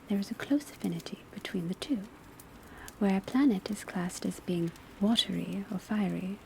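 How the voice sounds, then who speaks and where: In a mostly whispered, breathy voice of medium pitch, an ASMR performer plays an astrology teacher giving a classroom lecture. Her delivery is measured, deliberate and instructive, over a steady backdrop of rain on the roof, a crackling fire, and a pencil scratching.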